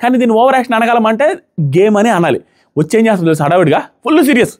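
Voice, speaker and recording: A man reviewing a reality show live, retelling the day's events in an animated way and acting out the contestants' lines. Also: high-pitched, very fast.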